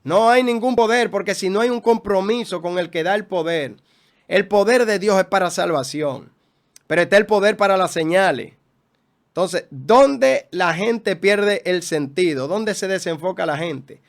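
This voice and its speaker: A man's voice: high voice, moderate pace. A man, a guest pastor teaching in a preaching style, emphatic, with rhetorical questions and repeated phrases.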